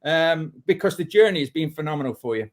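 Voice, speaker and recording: A man's voice: a little high, animated, fast talker. A man hosting a podcast interview, introducing his guest with effusive, enthusiastic praise. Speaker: podcast host. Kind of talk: casual interview.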